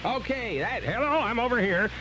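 A man's voice: very high-pitched, expressive, moderate pace, pushed and bright, a little hiss or hum. A man presenting live radio as a DJ, casual and loose with joking asides. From Southern California. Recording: dull lo-fi radio broadcast with music.

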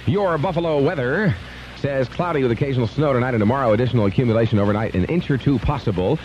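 A man's voice: medium pitch, fast, a little mellow, a little hiss or hum. A man presenting live radio as a DJ, casual and loose with joking asides. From Southern California. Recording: dull lo-fi radio broadcast with music.

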